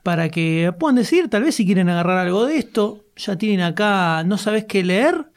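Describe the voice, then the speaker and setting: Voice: medium pitch, sing-song, normal speed. An Argentine co-host on a casual podcast. The delivery is eager and emphatic, and the praise is pushed with plenty of stress. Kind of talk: casual chat.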